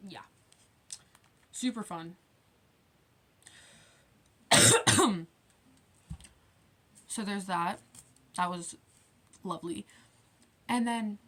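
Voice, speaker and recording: A woman's voice: mid-range voice, slow pace, long pauses. A teenage girl rambling through a casual storytime rant, acting out conversations as she goes. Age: teens. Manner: rambling, quotes conversations with shifting loudness. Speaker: vlogger.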